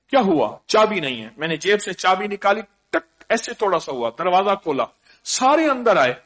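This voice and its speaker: A man giving a sermon full of anecdotes, repeating phrases for emphasis and swinging from loud stresses to hushed murmurs. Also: high voice, very animated. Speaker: religious speaker.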